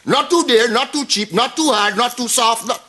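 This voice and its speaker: A man's voice: very high voice, normal speed, bright, forceful tone. An actor with a Guyanese accent playing a boastful older male barbershop owner who lectures his customers in a studio sitcom. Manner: pompous, lecturing.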